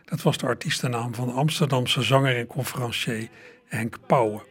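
A man's voice: mid-range voice, fairly even intonation, normal speed, a bit bright, slightly rough. A man presenting old recordings to radio listeners in a chatty manner, speaking to them directly.

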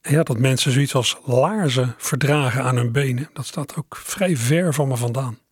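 A man's voice: medium pitch, normal speed, breathy edge, dry recording, studio quality. A middle-aged man presenting a radio show, musing conversationally between records and addressing listeners directly.

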